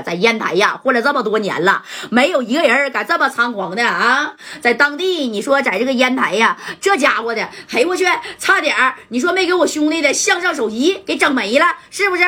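Storyteller: a woman with a raspy, slightly high voice, spinning a colloquial gangster tale full of sound effects. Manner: lively, mimics sound effects and acts out characters' shouts.

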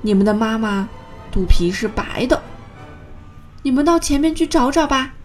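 A woman's voice: fairly high pitch, expressive, normal speed, soft background music, natural voice. A woman voicing a big mother turtle who kindly corrects the tadpoles. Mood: amused. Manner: amused, patient telling.

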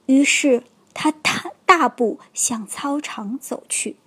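A woman reading a children's storybook aloud, slow and expressive. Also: high-pitched, in a whisper. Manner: slow, expressive, clearly paced.

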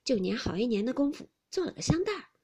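A woman voicing a gentle, tactful young maid who coaxes and explains softly. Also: high-pitched, sing-song, quick pace, husky, pitched above the performer's own voice, exaggerated voice. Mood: coaxing.

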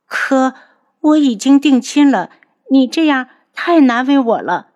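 A frightened young captive woman from a storybook, her voice raised high and thin with fear, as a woman narrator puts her on. She begs timidly, close to tears. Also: lively intonation, measured pace, a little mellow. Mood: pleading. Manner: timid, pleading, tearful.

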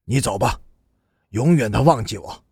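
A tearful, despairing young man, as an audiobook narrator voices him, speaking low and choked, as if pleading. The voice has a husky edge. It is recorded close and dry. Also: sing-song, measured pace, no room sound, full character voice. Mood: resolute. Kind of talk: audiobook character voice.

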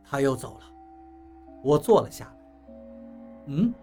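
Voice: mid-range voice, very animated, a little slow, dark tone, faint music behind. A narrator reading a novel in the first person, telling the story expressively and acting out the dialogue. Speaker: audiobook narrator.

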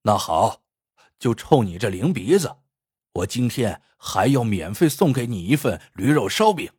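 A man voicing a fat, scheming male shopkeeper who mocks and tests a blind customer, with a husky, teasing manner in a storybook tale. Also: lowish voice, big pitch swings, unhurried, darkish tone, no room sound, studio quality, full character voice. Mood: mocking. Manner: sneering, teasing.

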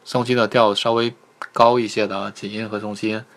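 A male language teacher giving a livestreamed pronunciation lesson, patiently sounding out syllables and repeating them slowly. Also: lowish voice, little pitch movement, a bit bright. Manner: patient, repeats syllables slowly, asks viewers to type in chat.

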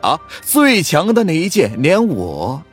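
Guy doing a sly gloating werewolf villain, slow and taunting, pitch jumps all over, audiobook. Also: wildly swooping pitch, faint music behind. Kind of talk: audiobook character voice.

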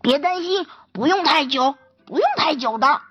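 A woman's voice: high-pitched, lively intonation, moderate pace, dry recording, lo-fi sound. A woman voicing a nervous, anxious dentist in a children's storybook, stammering and fretful.

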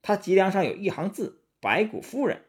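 A man voicing a cocky, loyal monkey king hero in a raised, lively storybook voice. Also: normal speed. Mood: urgent. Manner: brash and excitable, high-pitched.

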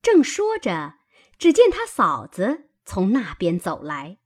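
A woman reading a classical novel aloud as audiobook narration, measured and steady. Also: mid-range voice. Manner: measured storytelling. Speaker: audiobook reader.

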